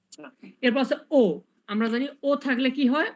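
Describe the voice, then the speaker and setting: A man's voice: extremely high pitch, a little fast, dull audio. A man tutoring English grammar in a casual online lesson, explaining step by step and asking rhetorical questions.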